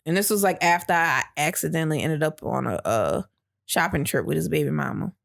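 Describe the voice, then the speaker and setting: A woman's voice: low-pitched, expressive, fairly quick, creaky. A woman co-hosting a podcast in casual chat, teasing her partner and laughing often. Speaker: podcast co-host.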